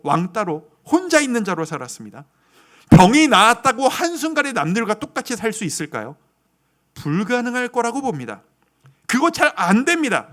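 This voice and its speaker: A male pastor preaching a sermon in a dramatic storytelling way, with earnest personal testimony. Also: very high-pitched. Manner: dramatic storytelling with acted quotes.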